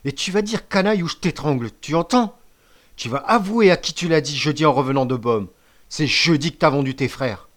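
A man's voice: medium pitch, brisk, close to an everyday voice. Man doing a furious boy gang chief. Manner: shouting, commanding, threatening.

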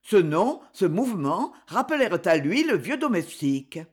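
A woman narrating a storybook with an expressive, unhurried delivery. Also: lowish voice, husky. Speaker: audiobook narrator. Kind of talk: storybook reading.

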